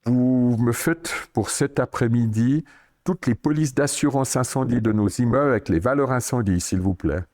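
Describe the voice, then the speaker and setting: A man in his sixties with a Swiss French accent, a podcast guest telling lively anecdotes and acting out the dialogue he quotes. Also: medium pitch, normal speed. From Switzerland. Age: 60s. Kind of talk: storytelling interview.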